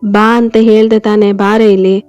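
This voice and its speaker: A woman voicing a teasing, affectionate young husband with a playful, gently scolding manner. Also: mid-range voice, little pitch movement, normal speed, no echo, close to an everyday voice. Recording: dull lo-fi, faint music behind.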